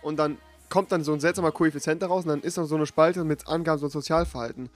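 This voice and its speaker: A young man co-hosting a casual chat, telling school stories in an animated way and acting out the voices of the people in them. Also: fairly high pitch, fast talker, faint music behind. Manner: animated storytelling, acts out voices. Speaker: podcast co-host.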